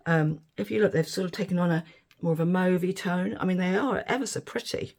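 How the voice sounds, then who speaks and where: Her voice sits on the low side, gravelly and a little mellow, and she speaks fairly fast. A middle-aged resin art vlogger, she giggles and delights in things while casually walking through a craft demo with a fading voice.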